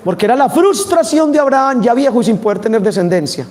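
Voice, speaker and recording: A man with a Colombian Spanish accent preaching a sermon, animated and asking his audience questions. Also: very high-pitched, fast talker.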